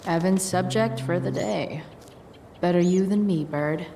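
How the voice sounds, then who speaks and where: A woman's voice: lowish voice, unhurried, creaky, dark tone, a little hiss or hum. A woman playing a sardonic teenage girl in a video game, muttering dry asides to herself. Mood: dry, mocking.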